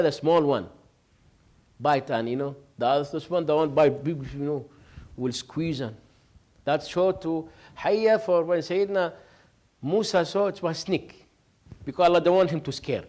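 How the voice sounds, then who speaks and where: A man's voice: a little high, measured pace, a little mellow. A man, a sheikh giving an informal religious lesson, telling stories, joking and laughing, and acting out dialogue. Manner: conversational, jokes and laughs, acts out dialogue.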